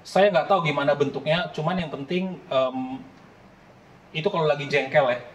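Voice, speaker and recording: A man's voice: fairly high pitch, moderate pace, reverberant, lo-fi sound, a little hiss or hum. A man in his late thirties preaching a sermon in an earnest, conversational way, often addressing the congregation directly. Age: late 30s. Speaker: pastor.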